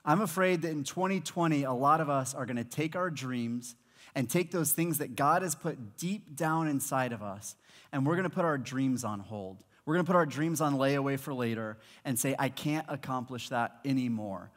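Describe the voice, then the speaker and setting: A Malawian high school pastor in his thirties preaches on a large church auditorium stage before an audience, wearing a headset mic. His medium-pitched voice moves at a moderate pace as he tells stories animatedly, acting out the quoted voices, with the long reverb of a big hall.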